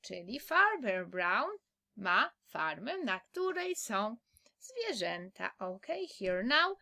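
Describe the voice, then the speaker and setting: A woman's voice: medium pitch, very animated, takes it slowly, creaky, bright, forceful tone. A woman with a Polish accent teaching English to small children, as if reading to a toddler, in an exaggerated sing-song manner with much repetition. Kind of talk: simple language lesson for small children.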